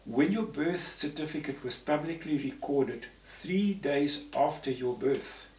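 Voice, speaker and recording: Pitched a little high and slightly mellow, this man speaks at a measured pace. The panel guest, from Zambia and in his sixties, rambles conversationally while explaining, with frequent word repetition. A patterned tapestry backdrop frames the room; the recording is distant and roomy, with faint hiss.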